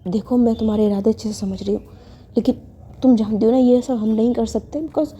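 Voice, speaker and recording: A woman's voice: a little high, fairly even intonation, brisk, warm tone, husky. A woman voicing a flustered, scolding young woman. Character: flustered, exasperated young woman, tired and protesting. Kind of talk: story read-aloud with character lines.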